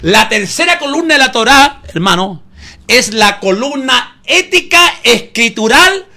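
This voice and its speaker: A man's voice: very high voice, big pitch swings, unhurried, pushed and bright, faint music behind. A man preaching a sermon as pastor, emphatic and full of rhetorical questions to his listeners. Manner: emphatic preaching, calls listeners "hermano" often; asks the audience rhetorical questions.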